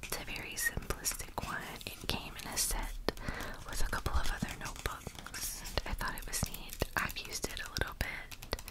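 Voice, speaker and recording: A woman hosting an ASMR video in a breathy whisper, casually describing items in hushed remarks. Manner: slow, gentle-paced, hushed casual remarks.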